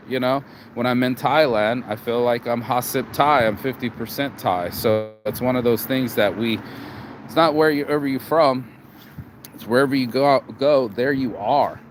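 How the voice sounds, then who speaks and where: A tired man from Las Vegas, vlogging in a casual, rambling monologue with profanity and many restarts and repeated words. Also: medium pitch. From Las Vegas, USA. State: tired, low energy. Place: outdoors in a city. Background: street and traffic noise.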